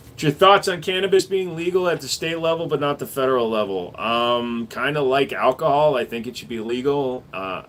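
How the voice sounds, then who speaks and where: A gun shop owner hosts a casual livestream, reading viewer messages aloud and answering them in an offhand, relaxed way. His voice is lowish, with a little hiss or hum in the audio.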